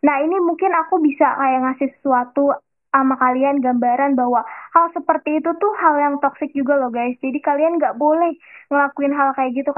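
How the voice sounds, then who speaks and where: A young woman with a high voice hosts a casual solo podcast, chatting in loose slang and talking right to her listeners. The sound is thin and tinny, like it came through a phone line. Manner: chatty slangy storytelling, addresses listeners directly. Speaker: podcast host.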